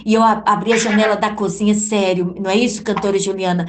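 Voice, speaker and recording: A woman's voice: medium pitch, steady tone, fast. A woman hosting a religious interview and telling a story of her own, in a preacherly way, addressing others as sister and beloved. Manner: warm preacherly, calls listeners amada and minha irmã. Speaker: interview host and gospel singer.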